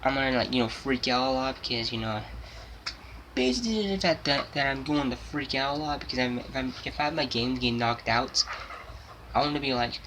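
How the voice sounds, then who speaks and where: A seventeen-year-old gaming channel host, about to turn 18, rambles to his channel in a casual, unscripted monologue, repeating himself and restarting often. His voice is medium-pitched with lively intonation and a fairly quick pace, against a noisy background.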